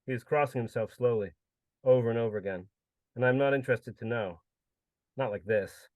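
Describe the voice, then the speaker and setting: A man giving a measured, solemn reading of his own literary prose. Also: mid-range voice, darkish tone, no room sound. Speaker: contributor reading his story.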